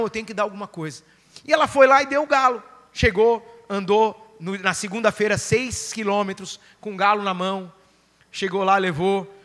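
A Brazilian man preaches to his congregation, moving between animated storytelling and earnest appeals. His voice is high and bright, and it rings out with a long reverb from the church hall. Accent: Brazilian Portuguese. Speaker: pastor. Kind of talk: sermon with storytelling.

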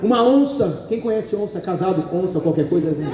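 A pastor with a Brazilian Portuguese accent preaching a sermon, calling out questions to the congregation and joking in asides. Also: male voice, high-pitched, expressive, fast talker, background noise. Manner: preaching with audience call-and-response, joking asides. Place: church hall. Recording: echoey hall, picked up from far.

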